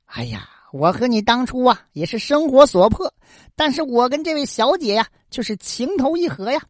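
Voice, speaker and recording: Fickle self-serving young scholar in a spoken folk tale, read by a woman; animated pitch. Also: moderate pace, no room sound, clean studio sound. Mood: glib.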